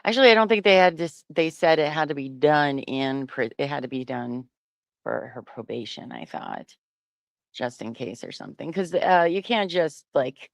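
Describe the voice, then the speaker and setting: A woman's voice: deep voice, expressive, moderate pace, vocal fry, dry recording. A woman co-hosting a casual chat, thinking aloud with frequent fillers. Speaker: co-host.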